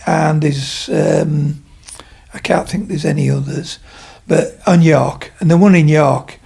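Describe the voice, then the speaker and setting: Speaking slowly with vocal fry, this retired tradesman from Leeds, England, around seventy years old, rambles through stories in a casual podcast interview at his home. His voice is fairly high yet darkish and slightly rough, with fairly even intonation, and he digresses constantly and uses many fillers.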